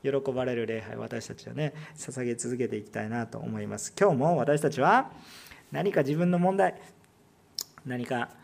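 A male pastor with a Kansai Japanese accent preaches a sermon at normal speed in a mid-range voice with some vocal fry. He swings between loud, emphatic lines and hushed ones, putting rhetorical questions to the congregation.

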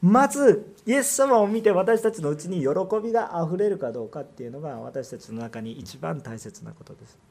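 A man's voice: on the high side, expressive, a little fast, vocal fry, hardly any pauses, darkish tone, husky. A male pastor delivering a sermon, earnest and emphatic, full of rhetorical questions and rising stresses.

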